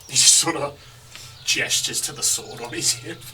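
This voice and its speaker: Relaxed male game master, far from mic. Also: mid-range voice, normal speed, slight background noise. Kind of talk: narrating a tabletop game. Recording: distant mic with background music.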